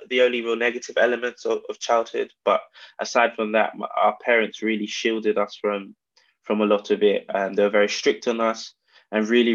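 A man with a South London accent giving reflective, conversational interview answers in a measured, halting way. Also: lowish voice, muffled recording. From South London, England. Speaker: interview guest, brand founder.

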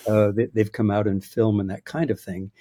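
A biblical scholar in his sixties answers interview questions reflectively, hesitating and frequently restarting, and chuckling at his own points. His voice is low and mellow, with fairly even intonation at normal speed.

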